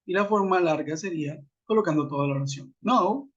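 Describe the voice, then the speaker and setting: A man with a high voice, speaking fairly quickly, teaches an online English grammar lesson in a methodical way, spelling out letters and asking his class questions. It comes through web conference audio that sounds dull and lo-fi.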